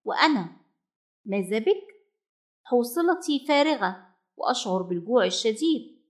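Picture a small hungry bird chick from a children's storybook, eager and a little pleading, his voice sitting fairly high. He talks with earnest, childlike determination, as a woman narrator puts him on. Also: big pitch swings, normal speed.

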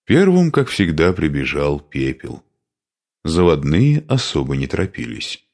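A man narrating an audiobook in an expressive reading style. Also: very deep voice, a little slow.

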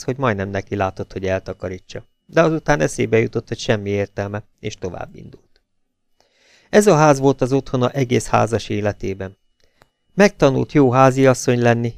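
A man reads a novel aloud in a steady, even narration. His voice has a gravelly edge, and the recording is close and dry with no room sound. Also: medium pitch, dry recording. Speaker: audiobook reader. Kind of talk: audiobook narration.

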